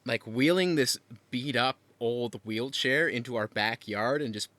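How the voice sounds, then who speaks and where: A man's voice: mid-range voice, unhurried, a bit bright, no echo. A young man co-hosting a podcast, animatedly retelling a party story with lots of laughs. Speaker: podcast co-host. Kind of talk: casual storytelling.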